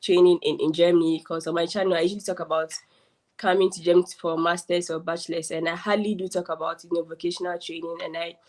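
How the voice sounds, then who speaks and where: A young woman with a somewhat low voice hosts a live interview over a video call. She talks in a chatty, enthusiastic way, sprinkling in casual fillers as she leads her guest. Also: little pitch movement, quick pace, a little mellow. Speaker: host.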